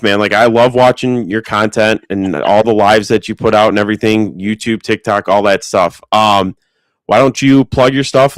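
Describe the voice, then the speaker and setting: A man's voice: fairly low pitch, no room sound, low-quality recording. A man hosting a sports podcast, talking in a friendly, easygoing way. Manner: friendly, agreeable, quick asides. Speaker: podcast host. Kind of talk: casual sports talk.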